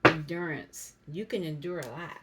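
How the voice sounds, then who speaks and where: Woman, low voice, spiritual card reading, slow and reflective, reads card meanings aloud, camera mic. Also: heavy background noise.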